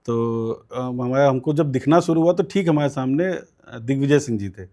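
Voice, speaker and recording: Mellow-voiced man from recounting. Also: mid-range voice, expressive, moderate pace. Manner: recounts events at length with many fillers and quoted voices. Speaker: student politician guest. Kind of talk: conversational storytelling interview.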